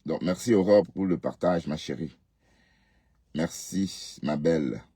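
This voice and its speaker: Man hosting a livestream, deep husky voice, lectures viewers, "hein?" tags. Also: measured pace, dark tone, dry recording. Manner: scolding, rhetorical questions with tag "hein". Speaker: live stream host. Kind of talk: casual live commentary reading comments.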